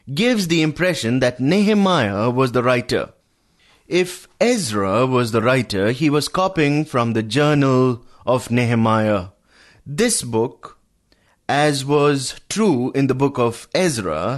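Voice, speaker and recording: A man teaching a verse-by-verse Bible study on the radio, calmly explaining and calling his listeners friends. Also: medium pitch. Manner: addresses listeners as friends, measured teaching pace.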